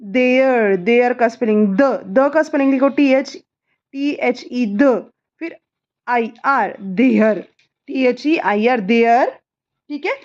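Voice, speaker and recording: A mother with an Indian accent tutoring her child through a homework lesson, spelling words letter by letter and repeating answers slowly. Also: on the high side, darkish tone, lo-fi sound.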